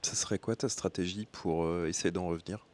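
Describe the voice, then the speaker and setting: A man with a French accent asks a hesitant question from the audience. His voice sits very low. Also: fairly even intonation, a little fast, a little mellow. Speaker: audience member asking a question.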